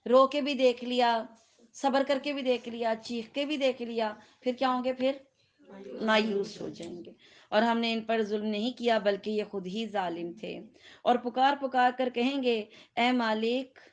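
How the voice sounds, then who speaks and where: A middle-aged woman with a Pakistani Urdu accent, lecturing a Quran class and putting questions to her students. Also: a little high. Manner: questions the students and laughs with them.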